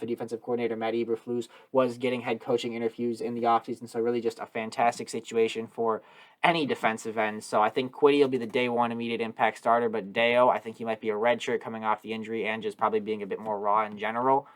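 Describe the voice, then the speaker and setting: A man's voice: medium pitch, flat delivery, fast. A man hosts a casual sports talk show with an eager, emphatic delivery, his voice sitting in an ordinary middle register. He runs long, piling up points as he goes. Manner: eager, talkative, emphatic analysis. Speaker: podcast host.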